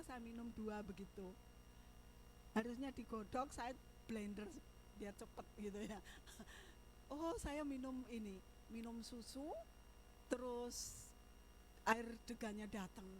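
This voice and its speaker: A woman's voice: a little high, unhurried, pauses often, slight background noise. An older woman giving a sermon testimony, moving from fervent preaching into chatty storytelling. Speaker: church minister.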